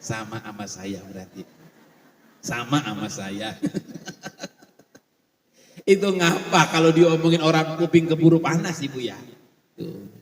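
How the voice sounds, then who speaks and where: A man with a Betawi accent preaching a lively, joking sermon to a women's congregation, acting out gossiping neighbours. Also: fairly high pitch, a little slow, pauses often, a little hiss or hum. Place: large echoey hall. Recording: echoey hall with long reverb.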